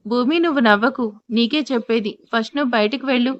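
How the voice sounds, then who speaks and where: A woman's voice: on the high side, fast, no room sound, dull audio, natural voice. A woman voicing a confused, flustered young husband who asks bewildered, defensive questions. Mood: embarrassed.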